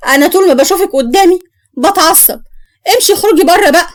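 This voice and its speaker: A woman voicing a harsh, bad-tempered pregnant young wife who scolds loudly in an Egyptian accent. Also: expressive, quick pace, no echo, clean studio sound. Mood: angry. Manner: shrill, scolding, loud.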